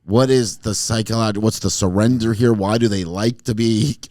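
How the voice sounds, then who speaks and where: A man co-hosting a casual podcast chat, talking in a hesitant, halting way. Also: on the low side, steady tone, darkish tone, no echo, studio quality. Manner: hesitant, halting, many restarts. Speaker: podcast co-host.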